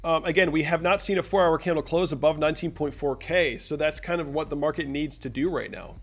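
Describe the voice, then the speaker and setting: A man's voice: on the high side, fairly quick, creaky, a bit bright. A young man from the United States hosting a casual livestream, talking through charts and answering viewers' chat messages. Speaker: crypto livestream host.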